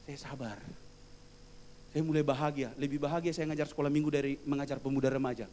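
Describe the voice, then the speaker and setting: A man's voice: medium pitch, steady tone, quick pace, dark tone, slight background noise. A middle-aged man from Indonesia giving a humorous sermon as preacher, acting out quoted voices in his stories and laughing often. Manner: frequent laughter.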